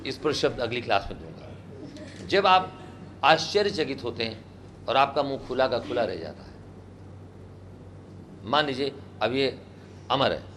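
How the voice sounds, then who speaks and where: A man's voice: medium pitch, unhurried, long pauses, slight background noise. A man teaching a spoken English class, quizzing students and having them repeat words. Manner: animated, asks the class questions and has them repeat words.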